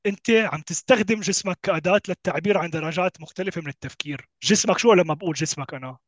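A man's voice: high-pitched, racing, no room sound. A man, co-hosting a podcast and explaining ideas emphatically with rhetorical questions. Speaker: podcast co-host. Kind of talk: casual conversation about self-help.

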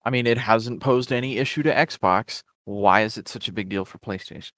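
A man's voice: fairly low pitch, normal speed, a bit bright, dry recording, studio quality. A man co-hosting a casual gaming podcast in a laid-back way, adding short asides and agreeing with his partner. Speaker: podcast co-host. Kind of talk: casual gaming news chat.

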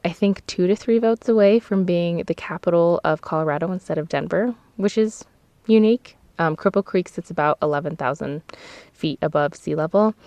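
A woman's voice: fairly low pitch, darkish tone, dry recording. A woman hosting a casual podcast from inside a clothes-padded closet, chatty, laughing often and correcting herself as she goes. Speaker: podcast host. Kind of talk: casual seasonal podcast chat. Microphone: close microphone.

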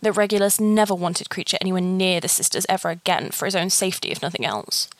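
A woman reading a fan fiction story aloud, steady and even. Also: on the low side, quick pace, dry recording.

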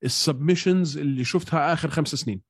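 A man's voice: on the high side, fast, breathy edge, no echo, clean studio sound. A man with a Levantine Arabic accent co-hosting a casual sports chat, explaining technique in everyday words. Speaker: co-host of an MMA podcast.

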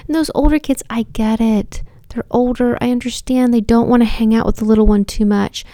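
Animated self-deprecating mom telling a story. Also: female voice, on the high side, fairly quick, no room sound. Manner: animated, self-deprecating, talks straight to the listener. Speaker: mother of four. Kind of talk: personal storytelling monologue.

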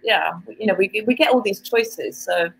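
A woman's voice: medium pitch, normal speed, gravelly, low-quality recording. A woman speaking as an interview guest in a casual, reflective way, thinking aloud as she goes. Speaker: interview guest, author on art marketing.

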